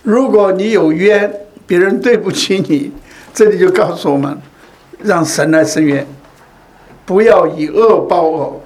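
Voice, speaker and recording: Slightly high-voiced man preaching. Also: measured pace, darkish tone. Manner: repeats phrases, asks rhetorical questions. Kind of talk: sermon.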